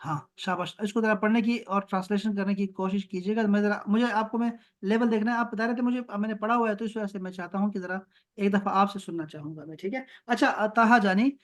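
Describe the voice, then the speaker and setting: A man teaching an Arabic grammar lesson over a video call, encouraging and explaining words slowly, mixing in English. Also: sits high, steady tone.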